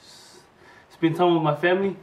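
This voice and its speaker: A laid-back teenage boy with a New Zealand accent answers questions in easy slang. His voice is a touch high. He sits away from the mic in an echoey room. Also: fairly even intonation, moderate pace, distant mic. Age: teens. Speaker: interview guest, student boarder.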